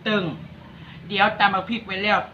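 A woman's voice: medium pitch, flat delivery, brisk, slight background noise. A woman with an Isan accent hosting a cooking vlog, chatting and teasing while talking straight to her viewers. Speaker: vlog host. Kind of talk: casual cooking vlog chat. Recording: dull lo-fi recording.

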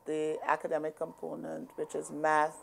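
An older woman, a program founder, speaking earnestly and quickly in an indoor interview. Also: low voice, monotone, vocal fry, a little hiss or hum. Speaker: founder and executive director of a youth program. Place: indoor room lined with bookshelves.

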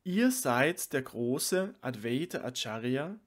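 A divine male monk speaks with loving, wondering tenderness, read aloud by a man. The pace is slow and gentle, as in an audiobook of a sacred play. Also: mid-range voice, animated. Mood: wondering, tender.

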